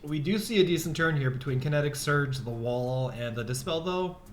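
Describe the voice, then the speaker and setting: A man casting a digital card game tournament, calmly explaining plays and rules as they happen. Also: a little high, normal speed. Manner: explanatory, relaxed, gives rules tips. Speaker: esports caster. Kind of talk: play-by-play commentary.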